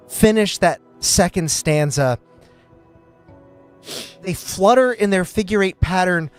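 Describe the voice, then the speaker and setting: A man narrating a live-streamed tabletop game as game master, chatty and quick to laugh, with lots of fillers. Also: a little high.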